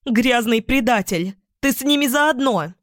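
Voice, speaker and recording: A woman's voice: a little high, a little slow, no echo, clean studio sound, voice pushed up. A woman voicing a scornful possessed young woman. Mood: furious, scornful. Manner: scornful, shifting to sugary flattery. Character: young woman possessed by a demon, haughty and cruel.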